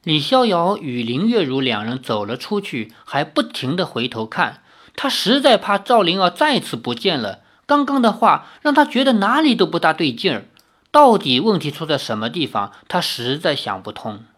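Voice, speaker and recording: A reader narrating a novel in an expressive storytelling manner. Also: medium pitch, moderate pace. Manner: expressive, shifting voices for dialogue.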